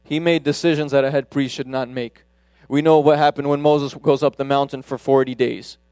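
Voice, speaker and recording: Smooth-voiced man preaching casually. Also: medium pitch, level tone, a little fast, darkish tone, dry recording, studio quality. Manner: conversational, often restarts sentences. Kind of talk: casual sermon.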